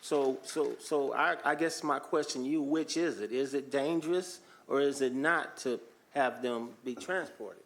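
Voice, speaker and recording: A man, a city alderman, asking questions at a council meeting, halting and repeating words while he thinks. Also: mid-range voice, a bit bright.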